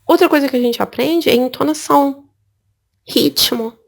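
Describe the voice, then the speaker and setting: A woman from Brazil teaching an English exam prep lesson, lively and repeating words for emphasis. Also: high-pitched, moderate pace, creaky. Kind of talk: spoken lesson.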